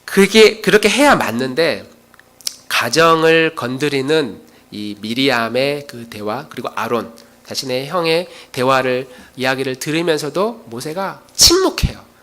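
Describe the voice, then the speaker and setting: A man's voice: mid-range voice, animated, unhurried, a bit bright. A middle-aged male pastor preaching a sermon, acting out quarrels in his own voice.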